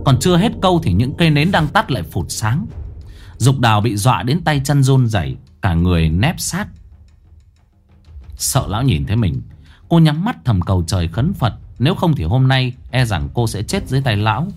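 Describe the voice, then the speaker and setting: A man narrating a ghost story in a dramatic, expressive way. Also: medium pitch, moderate pace, husky. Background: faint background music.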